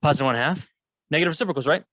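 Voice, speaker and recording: A man's voice: fairly high pitch, very fast, fairly bright tone, no room sound. A man teaching math alongside a colleague, playful and jokey, guiding with questions. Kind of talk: co-teaching a lesson, casual banter.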